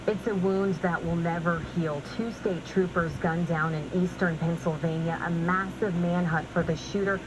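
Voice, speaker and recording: A woman's voice: lowish voice, noisy background. A woman reading scripted news as an anchor, re-recorded from a television in a room.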